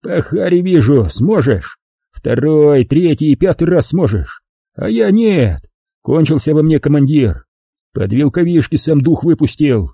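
A drunk, anguished army officer, voiced by a man shouts in bitter, raw bursts. The voice sits high above his usual register and has a husky edge. It is recorded close, with a dry sound. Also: very animated, unhurried, no room sound, exaggerated voice. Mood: anguished, drunken.

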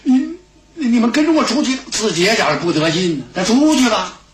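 A man's voice: high voice, animated, fairly quick, a little hiss or hum, voice pushed up. A storyteller voicing a flustered, hot-tempered general pleading with his estranged wife, in a roomy radio studio recording. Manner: pleading, exclaiming, raised voice.

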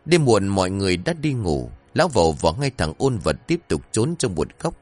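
A man narrating a story in an expressive, dramatic way, with faint music behind. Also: low voice, a little fast, dry recording.

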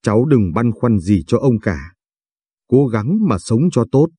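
A man's voice: mid-range voice, animated, measured pace, breathy edge, no echo. A man voicing a frail, weary old grandfather. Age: older. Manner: weary, gently teasing.

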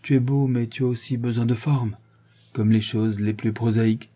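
Calm male audiobook narrator, dark voice. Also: mid-range voice, moderate pace, breathy edge. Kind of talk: audiobook reading.

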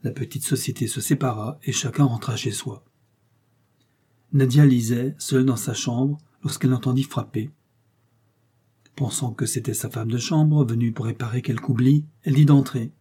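A man narrating a novel aloud in a calm, measured reading. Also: medium pitch, husky. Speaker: audiobook reader. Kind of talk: scripted narration.

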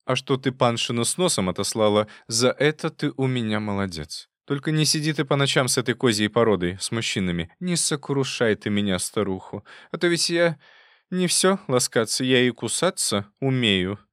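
A man reading an audiobook, voicing a fierce old woman who scolds her niece in a loud, folksy way. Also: mid-range voice, animated, normal speed, no echo, clean studio sound, pitched above the performer's own voice, close to an everyday voice. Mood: scolding.

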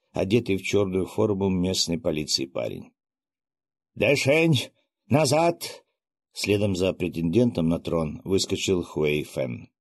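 A man reads a fantasy audiobook with a measured, expressive delivery. His voice sits on the low side. The close-mic recording is dry, with no room in it. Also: dry recording. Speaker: audiobook narrator. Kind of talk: scripted fantasy audiobook narration.

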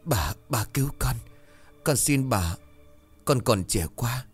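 A man voicing a young second wife in childbirth, gasping and pleading in a breathless, high voice. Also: fairly even intonation, moderate pace, darkish tone, breathy edge, faint music behind, lightly acted.

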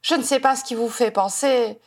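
A woman's voice: fairly high pitch, moderate pace, lightly acted. A woman reader voicing a cold, stiff elderly family patriarch. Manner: cold, clipped.

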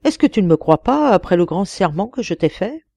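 A woman's voice: lowish voice, big pitch swings, brisk, gravelly, mellow, no room sound, full character voice. A woman reading the part of a powerful male genie in a tale, speaking grandly and then begging. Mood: boastful. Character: mighty male genie, proud then pleading.

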